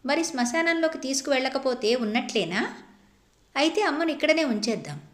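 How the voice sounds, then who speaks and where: A woman voicing a small, curious and innocent girl who keeps asking questions in a high, sing-song voice, in a storybook reading with an echoey room sound. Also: lively intonation, fairly quick. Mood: innocent questioning.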